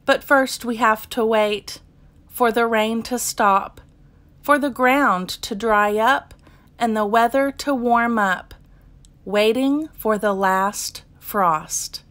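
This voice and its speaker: A woman reads a children's picture book aloud as scripted narration, using measured, deliberate phrases broken by pauses. Her voice is on the high side with a fairly bright tone, in the role of a storybook reader.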